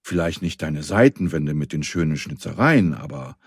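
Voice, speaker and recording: A man voicing a kind, lively little girl in a children's story, speaking earnestly and coaxingly. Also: a bass voice, normal speed, creaky, husky, dry recording, studio quality, full character voice. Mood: gentle.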